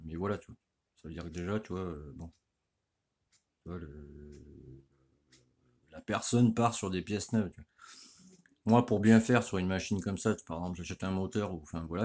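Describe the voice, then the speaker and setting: Deep-voiced guy rambling through engine work in his garage, slangy, says "you see" every other word. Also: darkish tone. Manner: rambling and slangy, saying "tu vois" constantly. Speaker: motorcycle mechanic. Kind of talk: casual workshop how-to talk. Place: home workshop or garage.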